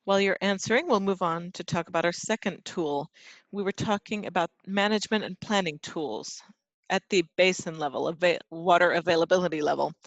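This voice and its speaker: A conference interpreter giving a live translated voice-over of a webinar presenter, with a halting, self-correcting delivery. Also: medium pitch, no echo.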